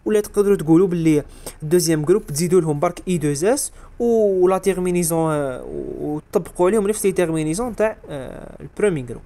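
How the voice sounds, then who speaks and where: A man's voice: on the high side, mellow. A man with an Algerian Arabic accent explaining French grammar as an exam revision lesson, spelling out verb endings letter by letter. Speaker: French teacher.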